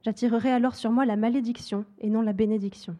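A woman's voice: a little high, steady tone, fast, warm tone, natural voice. A woman voicing an anxious young man who speaks carefully and earnestly. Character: young man, anxious, deceiving his father.

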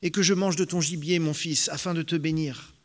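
A man voicing an old blind father in a scripture reading, speaking in a measured, solemn way. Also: on the high side, steady tone, voice pushed up, natural voice.

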